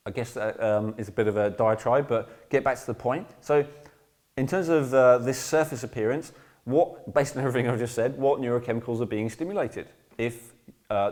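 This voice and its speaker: A man's voice: mid-range voice, a little mellow. A man teaching an online course in a casual, rambling lecture, emphatic and blunt, often checking in with "right?". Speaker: course instructor.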